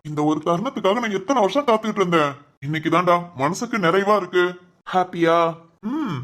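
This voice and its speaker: A woman voicing a gentle, affectionate elderly father who teases his son and new daughter-in-law in a family drama. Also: on the low side, expressive, fairly quick, natural voice. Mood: fond warm. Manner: affectionate, teasing.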